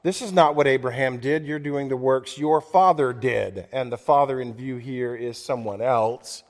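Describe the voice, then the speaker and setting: A man delivering a sermon as pastor, earnest and measured, slowing down to stress key words and reading scripture aloud. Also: medium pitch. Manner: earnest, measured preaching with slowed emphasis and quoted scripture. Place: church. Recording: long church reverb.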